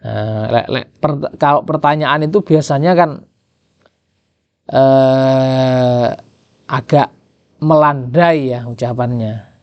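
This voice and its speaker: A man's voice: medium pitch, slow, pauses often, dry recording, dull audio. A man with a Javanese accent teaching Islamic jurisprudence, reading and translating an Arabic text and quizzing his listeners with rhetorical questions.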